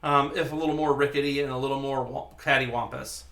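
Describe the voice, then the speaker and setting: A man's voice: mid-range voice, level tone, fast, gravelly, pushed and bright, reverberant. A man narrating as game master of a tabletop game in a loose, joking way. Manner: loose, joking, full of fillers and restarts.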